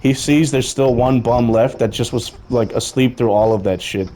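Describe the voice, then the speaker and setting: A young man casually pitching a film idea, rambling and profane, often laughing at his own story. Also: steady tone, moderate pace, dark tone.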